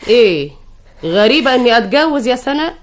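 A woman's voice: on the high side, very animated, fairly quick. An actress with an Egyptian accent playing a bossy widowed mother in an old radio drama, scolding and insistent. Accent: Egyptian Arabic.

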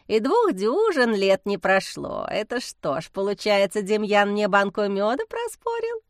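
A grumpy, stern male swamp spirit for an audiobook tale, read by a woman. He grumbles gruffly and slowly, low in his throat. The sound is close and dry. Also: wildly swooping pitch, dry recording. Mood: sly.

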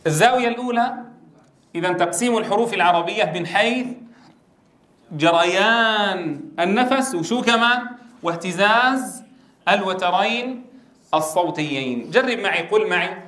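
Man, Quran recitation teacher, fairly high voice, quizzes the class and sounds out letters loudly, echoey room. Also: animated, fairly quick. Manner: drills letter sounds aloud, asks the class questions; loud stressed demonstrations of letters. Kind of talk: tajweed lesson to trainee teachers.

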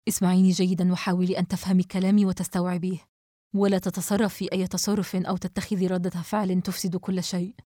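A woman's voice: on the low side, little pitch movement, quick pace, warm tone, no echo, studio quality, close to an everyday voice. A woman reading a novel aloud, voicing a firm, commanding male police detective. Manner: firm, insistent.

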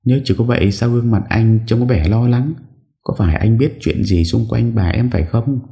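A man's voice: medium pitch, fairly quick, gravelly, warm tone, pitched above the performer's own voice, natural voice. A man voicing a young woman who is anxious and presses her husband with questions. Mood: anxious, pressing. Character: young woman, worried and curious bride.

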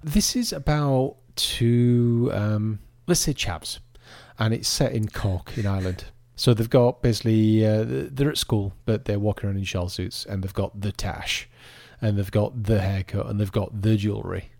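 A man's voice: on the low side, normal speed, gravelly, few pauses, darkish tone, no room sound, clean studio sound. A man co-hosting a podcast, rambling and chatty, often restarting his sentences. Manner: rambling, chatty, self-interrupting. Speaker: podcast co-host. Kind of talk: casual chat.

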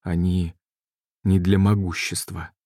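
A tormented male mage, as a deep-voiced reader plays him, urgent and tense in an audiobook. His voice is low and dark, and it is recorded close and dry. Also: level tone, slow, no room sound. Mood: grim.

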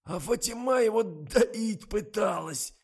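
A rowdy male cameraman hollers and jeers, voiced by a man reading a story. His shouts jump high above a normal speaking voice. The tone stays loud and mocking. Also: expressive, slow pace, vocal fry, exaggerated voice. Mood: gleeful. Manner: yelling, guffawing.

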